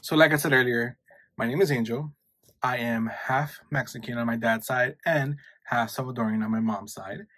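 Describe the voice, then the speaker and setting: A man's voice: mid-range voice, moderate pace, sharp tone, no echo. A young man chats easily through a casual snack-tasting vlog, often dropping into Spanish. His voice sits in a middling register, recorded close and dry at home with little room sound. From New York, USA. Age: 20s. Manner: chatty, switches between English and Spanish. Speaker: YouTuber.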